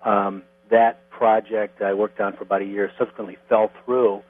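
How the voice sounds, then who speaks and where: A middle-aged man from Connecticut, a distiller being interviewed, explaining things step by step in a plain, unhurried way. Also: lowish voice, little pitch movement. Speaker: guest, distiller. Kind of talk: phone interview. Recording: tinny phone line with mains hum.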